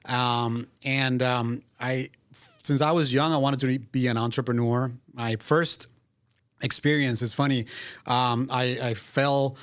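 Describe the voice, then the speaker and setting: A middle-aged man from Venezuela talks through his career as a podcast guest, steady and reflective, often restarting his sentences. His voice sits at a middling pitch and sounds dry and close, with no room echo around it. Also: clean tone. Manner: measured, reflective storytelling with frequent restarts. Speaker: guest, business consultant. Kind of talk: casual interview.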